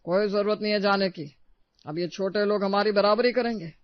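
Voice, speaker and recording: A woman's voice: mid-range voice, a little fast, no echo, close to an everyday voice. A woman voicing a grumpy, proud and stingy old father-in-law who scolds and dismisses everyone, in a storybook tale. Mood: scolding. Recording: dry, slightly dull recording.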